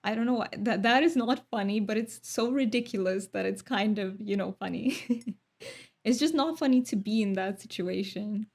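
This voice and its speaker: A young Romanian woman chats casually with her stream audience, thoughtful and talkative with light laughs throughout. Her voice sits at a middle pitch for a woman, a little mellow with vocal fry, at a normal speed.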